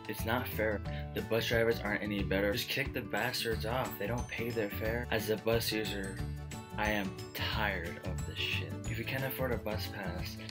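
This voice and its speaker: Low-voiced young man on a blunt rant. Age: 20s. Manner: blunt, aggrieved, sweary. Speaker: vlogger. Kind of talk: casual rant to camera. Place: small indoor home room.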